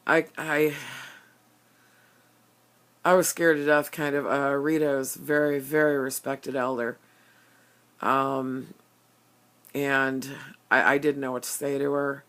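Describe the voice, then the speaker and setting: An older woman tells a personal story at a slow, unhurried pace. She talks haltingly, with many fillers and stammered restarts. She is earnest and openly emotional. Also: extremely low pitch, fairly even intonation, fairly bright tone.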